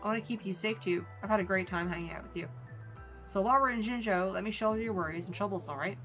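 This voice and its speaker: An Irish woman reads aloud as a cheerful young patrol officer from a game. The delivery is upbeat and friendly, with a mid-range pitch. Faint music plays underneath. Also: quick pace, a bit bright, natural voice.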